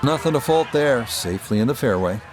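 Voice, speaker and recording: A man voicing a composed video game golf commentator, calling play in a measured, understated sportscasting style. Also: mid-range voice, lively intonation, background noise, close to an everyday voice. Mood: composed, approving.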